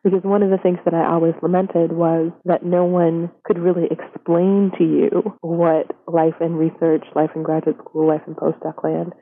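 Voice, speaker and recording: A young woman speaks as an interview guest with her voice electronically disguised to sound deeper. She is candid and reflective, sprinkling in "you know" as she goes. The sound is narrow and phone-like. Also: level tone, normal speed, few pauses. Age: young adult. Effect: voice disguised electronically, pitched down. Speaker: interview guest, science career columnist. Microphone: telephone. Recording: band-limited telephone line.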